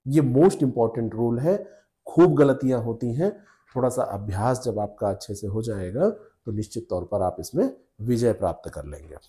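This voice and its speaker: A man's voice: mid-range voice, lively intonation, moderate pace, mellow. A man teaching spelling rules to exam students, repeating each rule patiently and checking with the class. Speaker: Hindi exam tutor.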